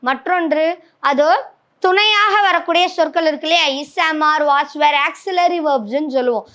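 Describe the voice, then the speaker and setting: A woman with a Tamil accent gives an English grammar lesson in a very high voice. She explains each point step by step and keeps checking whether her students follow. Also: moderate pace, fairly bright tone. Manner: checks understanding with frequent "okay?".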